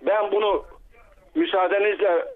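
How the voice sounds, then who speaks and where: A man from Bulgaria calls a radio show over a landline phone and reads a religious poem in an earnest, measured way. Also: sits high, steady tone. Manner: earnest, measured reading with drawn-out pauses. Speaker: radio caller. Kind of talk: reciting a religious poem on air. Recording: tinny phone line.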